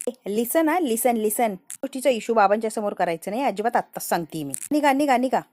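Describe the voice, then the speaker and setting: A woman voicing a drunk, childish young woman who shouts, slurs and repeats herself. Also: fairly high pitch, animated, a little fast, no room sound, clean studio sound, lightly acted. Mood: drunk shouting. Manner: slurring, shouting, repetitive.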